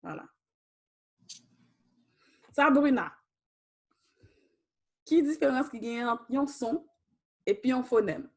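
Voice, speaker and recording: Woman teacher, slow and patient, higher voice, quizzes students in two languages. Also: animated. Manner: mixes Creole and French, patient questioning. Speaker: Haitian Creole teacher. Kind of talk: teaching an online class.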